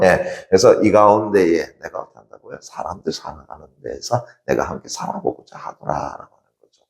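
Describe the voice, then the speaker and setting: A man's voice: low-pitched, gravelly, a little mellow, reverberant. A man teaching a literature class in a lecture style, asking rhetorical questions and answering them himself.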